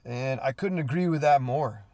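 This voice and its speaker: A man's voice: medium pitch, moderate pace, dry recording. Stuffy-nosed man hosting a podcast. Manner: relaxed, rambling with many fillers. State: stuffy from a cold. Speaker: podcast host, cook. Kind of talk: casual solo podcast talk.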